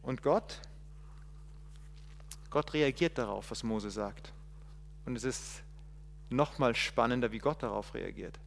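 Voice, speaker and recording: A man preaching a sermon, shifting between loud emphatic quotations and quiet, reflective passages, with hesitations as he looks up verses. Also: mid-range voice, slow pace, gravelly, long pauses, big-room sound, slight background noise. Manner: restarts and hesitates while looking up verses.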